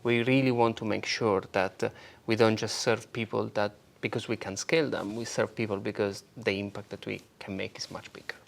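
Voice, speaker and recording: Lively Italian-accented man in his thirties. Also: fairly low pitch, a little fast, gravelly, hardly any pauses. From Italy. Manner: lively, animated storyteller. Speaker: guest, marketing agency founder. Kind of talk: casual interview.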